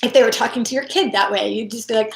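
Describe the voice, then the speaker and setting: A chatty woman coach talks casually to her viewers in a live video, her voice sitting fairly high. She is animated and often acts out inner voices in a higher tone. The room around her is echoey. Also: fast, creaky. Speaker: self-help coach.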